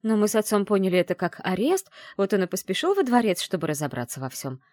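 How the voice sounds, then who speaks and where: A woman reading the part of a caring, shrewd middle-aged witch mother in an audiobook, in a gentle, teasing way. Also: medium pitch, sing-song, fast talker, no room sound, clean studio sound, pitched above the performer's own voice, close to an everyday voice. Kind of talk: audiobook character voice.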